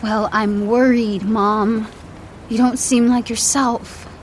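A woman's voice: a little high, level tone, takes it slowly, slight background noise. A young woman playing a stubborn, caring daughter in an audio drama, earnest and a little cheeky. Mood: worried, earnest.

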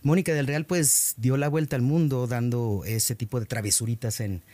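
Casting: middle-aged male guest, modest and friendly, mid-pitched, dry close sound. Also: fairly even intonation, normal speed, dry recording. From Mexico. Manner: warm and modest, many fillers and rephrasings. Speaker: guest, former athlete. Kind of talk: conversational interview answers.

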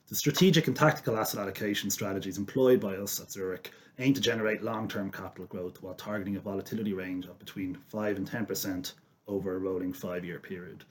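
A man giving measured, formal explanations as an investment expert on a finance podcast. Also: on the low side.

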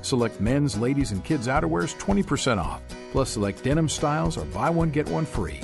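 A male announcer delivers a holiday sale ad with a lively, swinging pitch. His mid-range voice sits over clear guitar music. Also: fairly quick. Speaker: advertising announcer. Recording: music behind the voice. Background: prominent guitar music.

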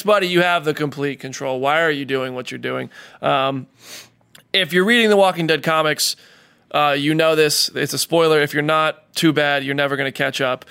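A man's voice: a little high, creaky, bright, forceful tone, smooth. A man co-hosting a casual chat show, talking animatedly and getting worked up and indignant. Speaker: podcast co-host. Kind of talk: casual chat, raves and rants.

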